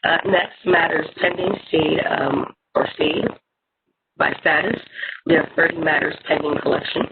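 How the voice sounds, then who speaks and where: A woman's voice: deep voice, fairly even intonation, gravelly. Woman on a choppy, breaking-up call. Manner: halting, with many fillers and self-corrections. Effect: choppy connection breaking up. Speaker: agency director presenting to a board. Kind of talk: formal report at a virtual meeting. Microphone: computer mic on a video call. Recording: choppy, noisy, phone-like call audio.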